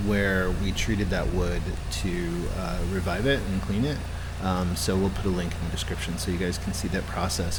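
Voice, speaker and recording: A man giving a casual, hesitant explanation as a roof cleaning contractor narrating his work. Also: deep voice. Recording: clearly noisy background hum.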